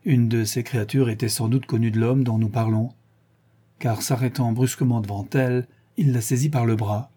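A man giving a measured, dramatic scripted narration of a classic novel as an audiobook reader. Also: mid-range voice, fairly even intonation, warm tone, slightly rough.

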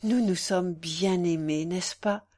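A woman voicing an anguished young woman who pleads through her tears, in a slow storybook reading. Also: lowish voice, darkish tone. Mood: tearful. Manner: pleading, tearful.

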